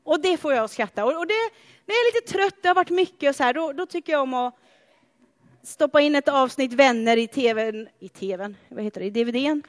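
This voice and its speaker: A woman preaching a sermon in a church, telling stories in a chatty, animated way with playful asides to the congregation. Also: high-pitched. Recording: long church reverb.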